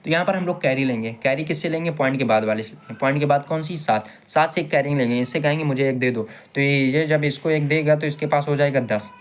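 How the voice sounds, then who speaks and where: Talking fast with few pauses in a slightly high voice, a man teaches a step-by-step maths lesson. He stays patient, repeating the steps and asking the students questions.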